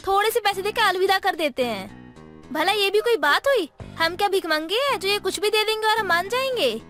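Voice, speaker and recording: Combative young daughter-in-law, piercing high voice, light music behind. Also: female voice, pushed and bright, heavily acted. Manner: shrill, combative, taunting. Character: quarrelsome young daughter-in-law who makes scenes. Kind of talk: animated cartoon voice acting.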